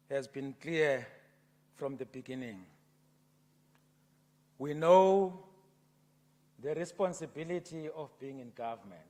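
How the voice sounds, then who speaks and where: A South African man giving an oratorical debate speech in a provincial legislature, building to loud passion. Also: fairly high pitch. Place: legislative chamber. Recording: long reverb of a legislative chamber.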